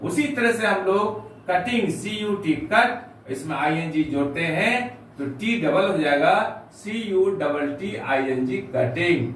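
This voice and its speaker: Male teacher, high voice, methodical letter-by-letter delivery; distant mic in a very echoey room with faint noise. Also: lively intonation, a bit bright. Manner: slow, spells words letter by letter. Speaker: English teacher. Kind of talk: grammar lesson explaining rules.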